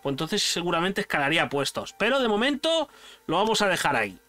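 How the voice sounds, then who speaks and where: A man's voice: high voice, fast talker, faint music behind. A young man from Spain with a Spanish accent, chatting casually and animatedly while ranking foods for his channel, full of slang. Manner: animated, slangy, addresses viewer as "tío". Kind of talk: casual chat, food tier list.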